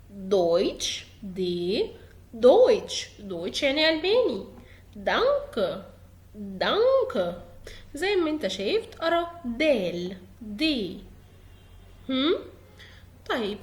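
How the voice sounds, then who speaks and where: Young Egyptian-accented woman, a bright, high, lively teacher who repeats words slowly and patiently. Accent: Egyptian Arabic. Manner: patient, repeats each example word slowly. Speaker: German pronunciation teacher. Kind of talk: explanatory lesson in Egyptian Arabic.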